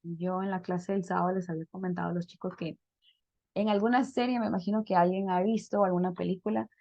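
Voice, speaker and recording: Lady teacher on a video call, low gravelly voice, dry muffled sound, patient step by step. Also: fairly even intonation, fast, mellow, no echo. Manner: patient, explains step by step and checks on students. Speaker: English teacher. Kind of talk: online pronunciation class.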